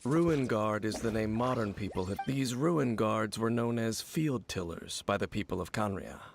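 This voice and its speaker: A grave, weary wandering swordsman, with a low, gravelly voice. He speaks very slowly and measuredly, like someone recounting old lore, over faint game music. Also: slight background noise, exaggerated voice. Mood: solemn. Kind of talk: game cutscene dialogue.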